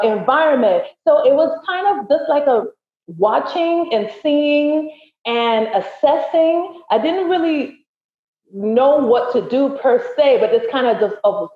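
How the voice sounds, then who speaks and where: A woman, an entertainer, talking as a podcast guest in an articulate, emphatic way. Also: a little high. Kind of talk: casual interview chat. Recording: echoey, dull lo-fi sound.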